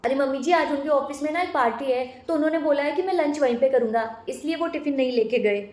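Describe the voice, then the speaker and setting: A woman plays a young daughter-in-law in a comedy sketch, complaining and politely defending herself in a high voice. The room sounds echoey. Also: quick pace, a little mellow, lightly acted. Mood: defensive.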